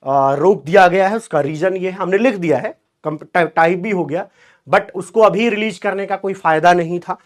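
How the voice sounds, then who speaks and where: A man teaching chemistry in an online class, animated and teasing, quizzing his students. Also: high-pitched.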